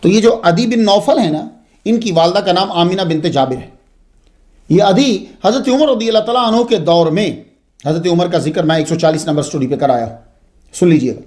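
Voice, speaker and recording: A man's voice: sits high, fairly quick. A man giving a religious history lecture, telling it expressively with frequent asides. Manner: expressive, digressive storytelling with asides.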